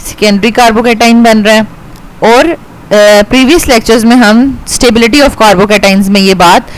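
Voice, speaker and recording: On a rough recording with a little hiss or hum, a mid-range-voiced chemistry teacher with a Pakistani accent takes her students through a reaction, step by step. She's patient, uses some English, and checks in often with a repeated "ठीक है".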